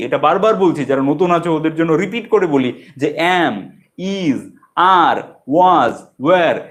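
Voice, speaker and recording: Guy teaching spoken english, kinda high voice, slows way down on the english examples. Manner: explains in Bengali, says English examples slowly and deliberately. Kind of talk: bilingual language lesson.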